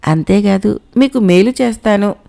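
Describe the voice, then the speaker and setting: A woman's voice: mid-range voice, moderate pace, vocal fry, warm tone, close to an everyday voice. A woman reading the lines of a lovesick male ghost who talks through his tears, in a storybook narration. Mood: weepy. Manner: tearful, pleading speech. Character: weeping lovesick male ghost under a banyan.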